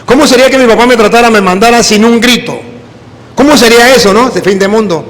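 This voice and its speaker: Venezuelan priest preaching, high voice, tells stories and does everyone's lines, echoey hall. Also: male voice, fast. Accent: Venezuelan Spanish. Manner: lively, storytelling, mimics people he quotes. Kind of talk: sermon with personal stories.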